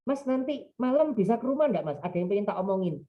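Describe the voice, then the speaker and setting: A man's voice: sits high, very animated, fast talker, voice pushed up. A man with an East Javanese accent acting out a polite, direct older father-in-law in a story, over dull lo-fi call audio. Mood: asking.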